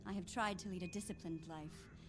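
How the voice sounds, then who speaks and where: A woman's voice: on the low side, fairly even intonation, a little fast, natural voice. Woman playing an earnest, devout daughter, noisy background. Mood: troubled. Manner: earnest, formal. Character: devout, troubled daughter questioning her faith and virtue. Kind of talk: video game character acting.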